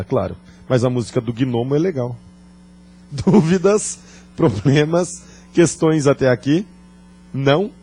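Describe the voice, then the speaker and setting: A man teaching a grammar lesson, talking deliberately, joking and quizzing his class. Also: fairly high pitch, mellow. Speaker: Portuguese teacher.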